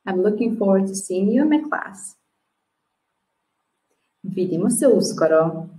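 A language teacher with a Serbian accent introduces herself on video, speaking slowly and clearly and modelling each word with care. Her voice sits at a medium pitch and sounds animated and warm. She records in a small room at home, classroom posters behind her, and the sound echoes.

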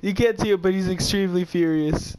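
A man's voice: high voice, brisk, a little mellow, slight background noise. A young man hosting a gaming channel, playfully teasing his friend and laughing while he plays. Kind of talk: casual gameplay commentary.

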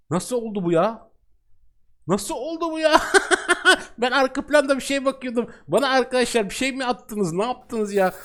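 Guy rambling through a game for his viewers, chatty and giggly, voice jumps all over the place. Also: high-pitched. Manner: excitable, chatty, laughs a lot, talks straight to viewers. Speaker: gaming channel host. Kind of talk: casual let's-play commentary.

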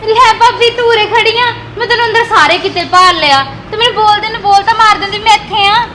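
An actress playing a chatty young college student, the sister-in-law, eagerly asking for a packed lunch. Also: female voice, extremely high pitch, fast talker, bright, forceful tone, slight background noise, low-quality recording. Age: young adult.

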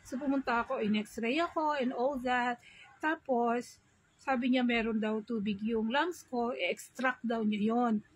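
Filipino lady vlogger, husky breathy voice, kinda high, talks real slow. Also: steady tone, no echo, poor audio. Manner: unhurried, mixing English and Tagalog. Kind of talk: casual vlog talk.

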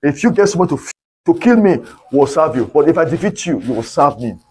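A man's voice: on the high side, big pitch swings, brisk, darkish tone, a little hiss or hum. A man, a pastor, voicing a menacing, boastful giant warrior who taunts and threatens during a sermon. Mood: threatening.

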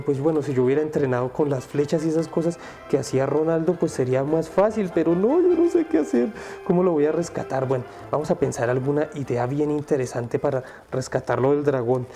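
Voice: a little fast, dark tone, soft background music, lightly acted. A narrator doing a whiny, spirited young princess. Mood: fretting. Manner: whiny, indignant, high-pitched.

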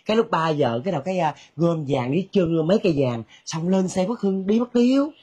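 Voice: mid-range voice, lively intonation, warm tone, breathy edge. A performer playing a nosy village gossip who denies spreading rumors, in a sketch comedy. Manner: rapid, insistent, defensive chatter. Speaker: skit comedian.

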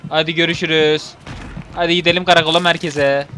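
A man's voice: a little high, little pitch movement, brisk, sharp tone, a little hiss or hum. A young man casually commenting while he plays a horror game, joking, swearing and talking to the game's characters. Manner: jokey, swears, talks to the game. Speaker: gaming video host. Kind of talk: casual let's-play commentary.

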